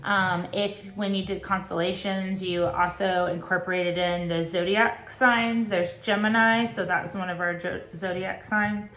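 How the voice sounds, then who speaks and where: A woman's voice: mid-range voice, fairly even intonation, a little slow, hardly any pauses, fairly bright tone. A woman tutor giving casual teaching tips at home, chatty and rambling with many ums and self-corrections. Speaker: homeschool co-op tutor. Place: at home, child nearby. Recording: echoey room.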